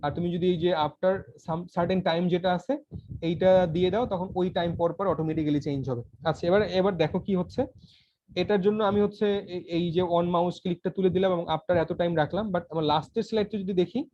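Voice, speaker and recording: Fast, high-voiced computer teacher. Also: male voice, fairly even intonation, darkish tone. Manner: informal, many fillers and restarts, addresses learner as তুমি. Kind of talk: casual screen-recorded tutorial. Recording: dull lo-fi voice recording.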